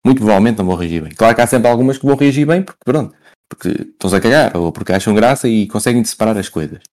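A man's voice: lowish voice, expressive, rapid-fire, a little mellow. A man with a European Portuguese accent explaining his view in casual talk, repeating himself and checking that he is followed.

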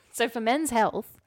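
A podcast co-host with a slightly high voice chats casually, summarising articles in an informal, explanatory way and dropping wry asides.

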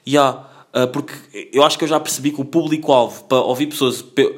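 Fast-talking Portuguese man rambling. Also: medium pitch, steady tone. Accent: European Portuguese. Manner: rambling, slangy, full of fillers and restarts. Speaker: podcast host. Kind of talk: casual solo podcast monologue.

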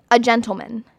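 A young woman talks straight to camera in a dry, close sound, her voice sitting a little high. She is chatty and blunt, stressing her points with many fillers and sounding sure of her own views. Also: dark tone, husky, no room sound. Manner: chatty and emphatic, many "like"s and "you know"s; blunt and opinionated. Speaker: vlogger. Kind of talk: casual talk to camera.

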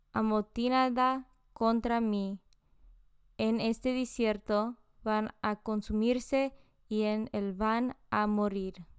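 A woman reading scripture and daily prayers in a measured, solemn devotional style. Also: mid-range voice, clean tone, no room sound, clean studio sound. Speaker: scripture reader.

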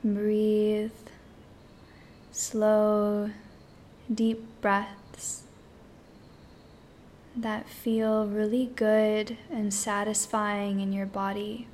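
A woman leading a guided meditation in a soft, hushed, partly whispered voice, speaking in short phrases with long pauses. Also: medium pitch, little pitch movement, slight background noise.

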